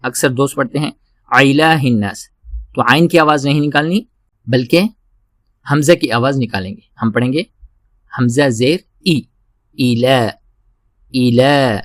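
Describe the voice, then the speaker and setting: A patient male teacher explains recitation at a measured pace and a middling pitch. He repeats each word several times and lifts into long, drawn-out chanted lines. The recording is close and dry. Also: dry recording. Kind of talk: step-by-step recitation lesson.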